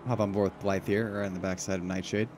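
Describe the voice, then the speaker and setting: A man's voice: lowish voice, flat delivery, quick pace. A man doing casual live play-by-play as a motorsport commentator on sim racing. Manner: casual, bantering. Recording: clear engine noise behind voice. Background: car engine and race ambience.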